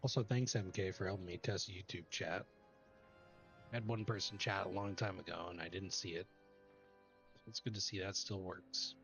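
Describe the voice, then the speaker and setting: A man casually commenting on his own gameplay as a guide host, chatty and relaxed while he plays. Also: sits low, normal speed, soft background music.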